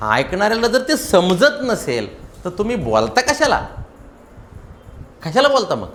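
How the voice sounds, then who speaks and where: A man teaching public speaking to a seated audience, animated and emphatic, showing how to speak loud and slow. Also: sits high, slight background noise. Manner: animated and emphatic, demonstrating loud and soft delivery. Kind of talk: motivational classroom lecture.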